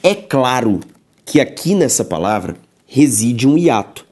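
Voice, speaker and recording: A male grammar teacher gives a recorded lecture in a lively, swooping, mid-range voice that climbs sharply on questions. He speaks emphatically, keeps checking in with the listener, and slowly breaks words into syllables.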